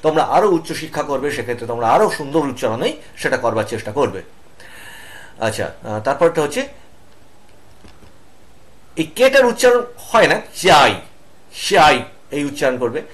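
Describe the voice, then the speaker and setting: A middle-aged male teacher with a slightly high voice gives a patient online lesson. He talks students through each symbol step by step. His delivery is steady and explanatory. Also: a little fast, pauses often.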